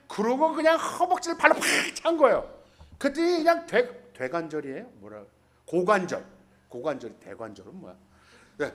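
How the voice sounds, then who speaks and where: Against a noisy background, a high-pitched male pastor preaches a joking, informal storytelling sermon in a church in Hanoi, playing out conversations in character voices.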